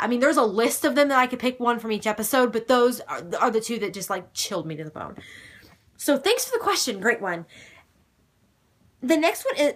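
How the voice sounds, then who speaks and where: A woman's voice: fairly high pitch, fairly bright tone. A young woman answering viewer questions in a casual, chatty video, emphatic and gushing, with mild swearing. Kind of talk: casual chat.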